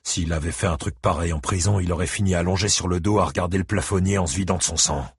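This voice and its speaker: A man voicing a furious, hot-tempered male ex-convict in an audiobook, barking shouts and bitter mutters. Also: low-pitched, steady tone, quick pace, husky, no room sound, studio quality, heavily acted.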